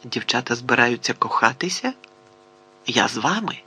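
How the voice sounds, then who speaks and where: Brief: a man as a playful female prison guard, mocking and lively. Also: medium pitch, normal speed, slightly rough, no echo, full character voice. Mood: teasing. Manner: teasing, mock-surprised. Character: teasing female prison warden.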